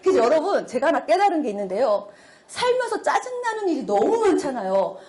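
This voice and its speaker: A middle-aged woman giving a testimony sermon to a congregation, animated, exclaiming and laughing often. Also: high voice, fairly quick, roomy sound. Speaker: church speaker giving testimony.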